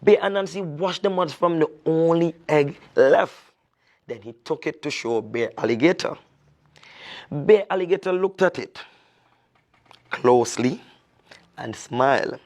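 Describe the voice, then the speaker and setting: A man with a slightly high voice speaks as a reading ambassador, telling a children's story expressively. He is deliberate and uses dramatic pauses.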